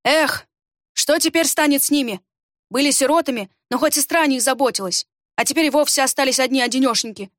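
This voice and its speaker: A woman voicing a jovial, rough male town guard who talks in a folksy, exclaiming way. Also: sits high, lively intonation, fast talker, hardly any pauses, dry recording, studio quality, pitched above the performer's own voice.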